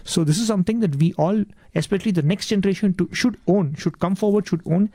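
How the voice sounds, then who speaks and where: An interview guest with an Indian accent, a native Tamil speaker, gives earnest answers, repeating words and frequently saying "yes" and addressing the host as "ma'am." His voice is high and dark in tone, and he talks fast, with no echo.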